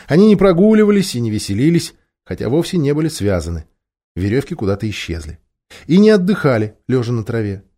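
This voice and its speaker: Warm-toned male storybook reader. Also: medium pitch. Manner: expressive, measured reading. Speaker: audiobook reader. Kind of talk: storybook narration.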